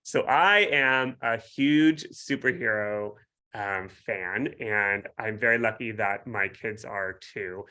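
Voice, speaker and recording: Bright-voiced man, casual guest author. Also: on the low side, slow pace. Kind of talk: casual explanatory talk. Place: home basement.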